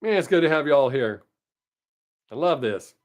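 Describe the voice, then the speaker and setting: A man's voice: on the high side, animated, normal speed. A man in his late fifties hosting a casual livestream, chatting upbeat with viewers and answering them by name. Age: 50s. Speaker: livestream host. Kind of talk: casual chat with live viewers.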